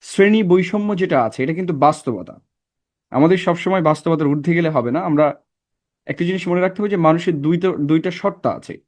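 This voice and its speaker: Man, teacher, classroom lecture, fairly high voice, checks in with students. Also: darkish tone. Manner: conversational, asks the class checking questions.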